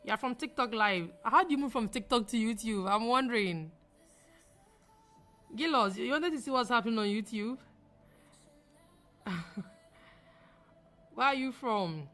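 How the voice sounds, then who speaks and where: Soft music underscores this livestream trading host, a young adult woman from Ghana whose accent is Ghanaian. She speaks at a measured pace with long pauses, her fairly high voice expressive, bright and forceful. Chatting with viewers, she's emphatic, repeats phrases and laughs readily.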